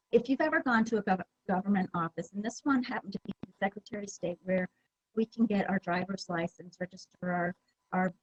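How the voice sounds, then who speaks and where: Woman presenting at a user group, kinda husky, chatty with lots of ums, dull dry recording. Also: mid-range voice, no room sound. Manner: conversational, many fillers and restarts. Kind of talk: conference presentation.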